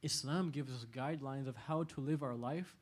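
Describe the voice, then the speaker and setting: A man lecturing a youth audience at an Islamic center in a casual, animated way. He laughs often and talks in a large indoor hall. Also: medium pitch, normal speed.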